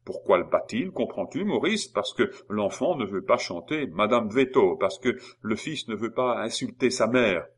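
A man's voice: fairly low pitch, expressive, moderate pace, hardly any pauses, breathy edge, voice pushed up. A man voicing a stern, suspicious young male officer who gives firm commands. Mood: indignant.

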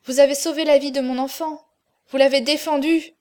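A woman reading an audiobook, voicing a distraught noble mother who pleads through sobs in a raised, louder voice. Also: high-pitched, fairly even intonation, fairly quick, voice pushed up, lightly acted. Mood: pleading. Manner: pleading, sobbing.

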